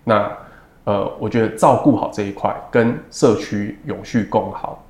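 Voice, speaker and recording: A man in his thirties with a Taiwanese Mandarin accent, speaking as an interview guest in a measured, reflective way with many fillers. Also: fairly low pitch, darkish tone. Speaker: second-generation family business heir. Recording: roomy echo.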